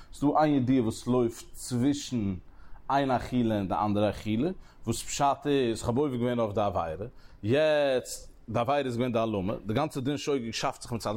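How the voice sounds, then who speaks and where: A man's voice: medium pitch, a little mellow. A man teaching a Talmud lesson, explaining each step in turn and pushing his voice sharply up to stress key points. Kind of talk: Talmud study lecture.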